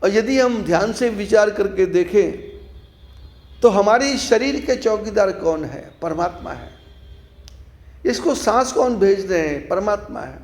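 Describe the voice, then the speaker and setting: High gravelly-voiced man preaching. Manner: storytelling with rhetorical questions and repeated phrases. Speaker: spiritual teacher. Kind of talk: devotional Hindi discourse.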